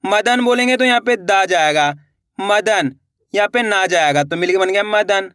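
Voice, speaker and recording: A man teaching children to write words, drilling each word slowly and repeating it back and forth. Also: sits high, fairly bright tone, clear, resonant tone, no room sound, studio quality. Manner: addresses viewers as friends. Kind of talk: children's Hindi writing lesson.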